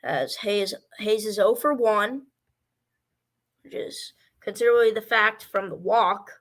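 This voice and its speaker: A man's voice: sits high, fairly bright tone. A man doing amateur baseball play-by-play commentary, rambling and stumbling over player names.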